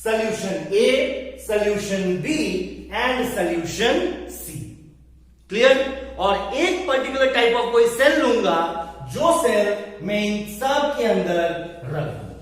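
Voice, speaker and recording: A man's voice: sits high, animated, slow pace. A male teacher giving a lesson, constantly checking that his students understand and spelling out English phrases word by word. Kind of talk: classroom lecture. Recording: echoey hall from far off.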